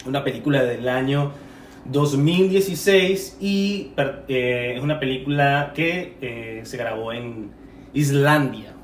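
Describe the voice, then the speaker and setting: A man co-hosting a relaxed film-chat podcast, wandering through his points and stumbling over words. He sits back from the microphone in an echoey room. A faint hiss runs under his voice. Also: medium pitch, measured pace, distant mic. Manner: rambling, self-correcting, laughs often. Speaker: podcast co-host. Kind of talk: casual film-discussion podcast.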